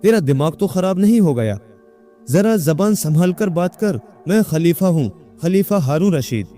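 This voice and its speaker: A man's voice: high voice, expressive, warm tone, soft background music. A man voicing a young man who insists he is the caliph, speaking in a commanding, indignant way.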